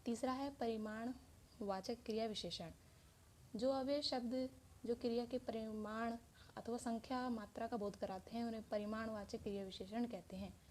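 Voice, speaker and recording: Female teacher, mellow voice, patient step-by-step explaining, faint room hum. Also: on the high side, fairly even intonation, normal speed. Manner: explains step by step with many examples. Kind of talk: Hindi grammar lesson.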